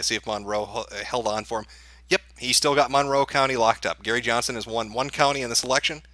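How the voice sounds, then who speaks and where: Brief: male livestream host, lowish bright voice, dry sound, sarcastic. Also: dry recording. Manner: profane, sarcastic. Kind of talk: casual live commentary.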